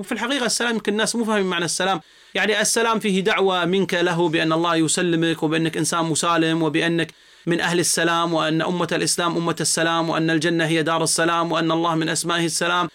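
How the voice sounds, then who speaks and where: A man teaching a religious lecture in an earnest, didactic way, with frequent drawn-out "aah" fillers between phrases. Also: a little high, flat delivery, fairly bright tone.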